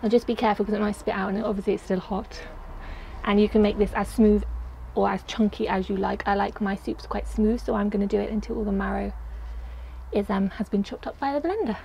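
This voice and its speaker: Chatty young woman with a creaky voice. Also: medium pitch, steady tone, brisk, darkish tone, slight background noise, rough recording. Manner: chatty, explains each step while cooking. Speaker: cooking vlogger. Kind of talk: casual cooking demonstration. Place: small garden potting shed kitchen.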